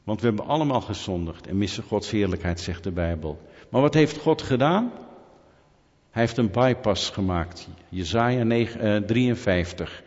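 A man's voice: on the low side, lively intonation, moderate pace, darkish tone. A man preaching a sermon, emphatic and firing rhetorical questions at his listeners. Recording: long reverb, dull lo-fi sound.

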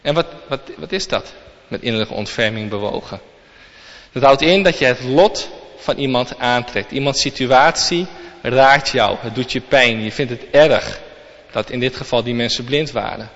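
A man's voice: mid-range voice, moderate pace, a bit bright. Dutch-speaking man preaching in a reverberant hall. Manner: reads scripture aloud, then explains it. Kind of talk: sermon. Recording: long reverb, dull lo-fi sound.

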